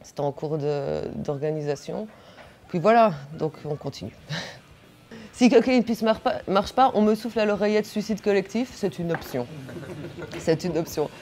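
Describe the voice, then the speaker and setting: Woman in her thirties, mellow tone. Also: lowish voice, lively intonation, moderate pace. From Belgium. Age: 30s. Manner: blunt and crude, joking, with fillers. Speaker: punk band singer. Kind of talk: casual interview answers.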